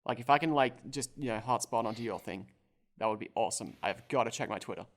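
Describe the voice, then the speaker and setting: A man's voice: medium pitch, fast talker. A young man playing a tabletop role-playing game, describing his actions in a rambling, joking way. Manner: rambling, full of filler words and restarts, joking. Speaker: player. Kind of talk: casual tabletop role-play narration.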